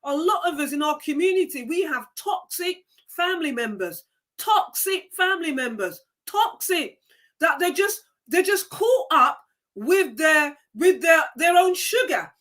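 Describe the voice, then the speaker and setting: A woman's voice: sits high, lively intonation, unhurried, a bit bright. A woman with a Jamaican accent hosting a live stream, giving an emphatic, preachy motivational talk and repeating key words.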